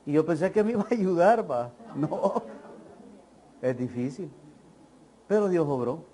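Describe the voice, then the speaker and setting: A man preaches a church sermon in a notably high voice. He presses his points emphatically, fires rhetorical questions at the congregation and keeps urging them to listen well. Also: expressive, measured pace, dark tone, slight background noise. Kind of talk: evangelical sermon. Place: church service.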